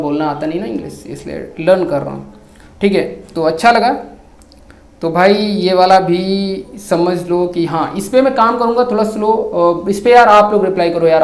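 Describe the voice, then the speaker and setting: A man's voice: high voice, a little mellow. A man, a YouTuber, talking casually to his viewers and answering their comments, mixing Hindi and English and keeping up a stream of yaar and bhai. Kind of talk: casual talk to camera. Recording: echoey room.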